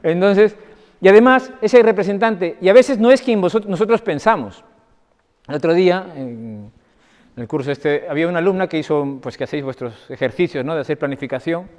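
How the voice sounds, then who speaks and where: A man with a fairly high voice gives a lecture as a doctor, speaking conversationally and weaving in anecdotes. He keeps checking in with his audience as he goes. His voice rings with the long reverb of a large parish hall. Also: fairly quick, darkish tone. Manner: conversational, anecdotal, often asks the audience for agreement. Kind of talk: conference talk to an audience.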